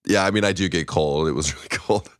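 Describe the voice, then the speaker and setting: A young man co-hosting a podcast, easygoing and quick to laugh in casual conversation. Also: deep voice, clear, resonant tone, no echo, studio quality. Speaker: podcast co-host. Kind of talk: casual chat.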